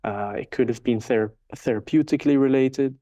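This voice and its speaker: A man's voice: medium pitch, fairly quick, warm tone, lo-fi sound. A Swiss man in his twenties, a native Swiss German speaker, answering interview questions in a thoughtful way with many fillers. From Switzerland. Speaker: interview guest, market researcher. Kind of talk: casual interview.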